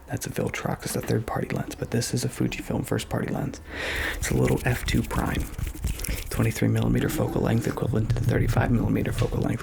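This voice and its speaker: A man doing casual ASMR, rambling and thinking aloud in a hushed, often whispered voice, close to a microphone in a small home studio. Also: medium pitch. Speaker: ASMR video creator. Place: small home studio bedroom with acoustic panels. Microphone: stereo XLR microphone, close up. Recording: clear background noise, clicks.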